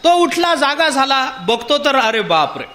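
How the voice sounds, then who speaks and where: A man's voice: very high-pitched, unhurried. A man giving a devotional discourse, telling a parable and putting rhetorical questions to his listeners. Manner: poses rhetorical questions to the audience; animated storytelling with parable. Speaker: spiritual discourse speaker.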